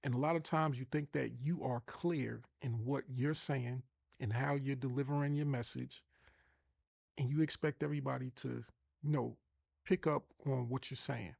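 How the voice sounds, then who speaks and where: A man with a Long Island New York accent speaks to his viewers like a motivational coach, pressing his points hard and doubling back on words as he goes. His voice has a gravelly edge at a mid pitch. The sound is dry and close, with no room echo. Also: steady tone, normal speed, a little mellow. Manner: emphatic, restarts and repeats words. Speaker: online marketing coach.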